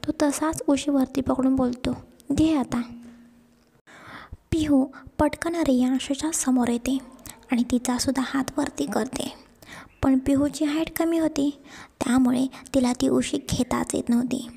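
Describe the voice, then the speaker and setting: Woman reading a love story in a hushed half-whisper, high pitched, gravelly, reverby. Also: fairly even intonation, normal speed. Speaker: narrator. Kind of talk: storytelling narration. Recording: long reverb.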